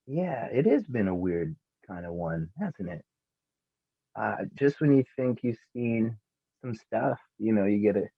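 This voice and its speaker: A male musician guest chats casually in an interview, rambling in a laid-back way with plenty of fillers. His voice is on the low side and slightly rough, and the dry recording has a tinny, phone-like remote quality.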